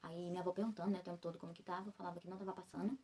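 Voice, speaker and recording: A woman's voice: fairly low pitch, little pitch movement, rapid-fire, a little mellow, breathy edge. A young woman from Brazil recounting a personal story in a rambling way, full of fillers and self-corrections, while recovering after childbirth. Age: young adult. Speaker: vlogger.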